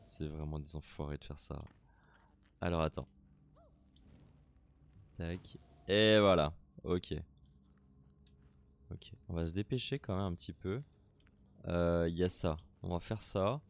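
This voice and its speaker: A man's voice: low-pitched, measured pace, pauses often, clear, resonant tone. A man streaming a horror game, chatting casually, talking to the characters on screen and swearing now and then.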